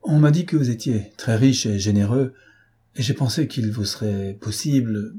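A man reads a desperate, penniless young poet in an audiobook, a timid man who falters as he asks for help. The voice is dark and husky, soft and hesitant. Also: medium pitch, normal speed, close to an everyday voice. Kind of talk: audiobook character voice.

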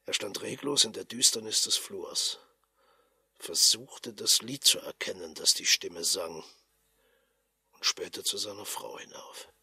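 A man narrating a literary story for radio in a calm, measured way. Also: on the low side, vocal fry, husky, no room sound, studio quality.

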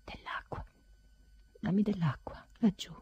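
A woman reading an audiobook, voicing a bitter, tormented middle-aged man who shouts and then sinks into whispers. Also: mid-range voice, animated, takes it slowly, gravelly, husky, dry recording, highs cut off, voice pushed up, exaggerated voice. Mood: weak murmur.

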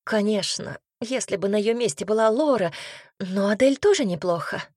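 A woman's voice: mid-range voice, lively intonation, normal speed, a little mellow, husky, dry recording, studio quality. Woman voicing an anxious, sighing singer. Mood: pleading. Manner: worried, sighing. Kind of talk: audiobook character reading.

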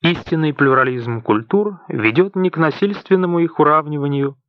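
A man reading nonfiction essays aloud as an audiobook narrator, in a measured, deliberate way. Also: fairly high pitch, no room sound, highs cut off. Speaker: audiobook reader.

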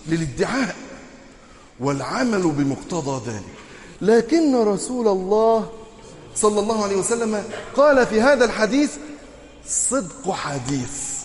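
A high-voiced man delivers a Friday sermon with passion, his pitch leaping and falling dramatically as he repeats key phrases. His voice rings out with a long reverb that fills a large mosque hall. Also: darkish tone, slight background noise. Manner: impassioned, emphatic repetition with sweeping pitch swings. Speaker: preacher.

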